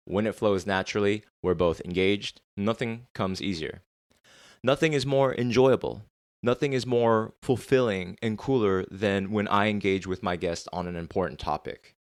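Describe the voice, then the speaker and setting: A young American man hosts a solo podcast, reflecting candidly and earnestly on his life and swearing now and then. His voice sits low, and the recording is dry with clean studio sound.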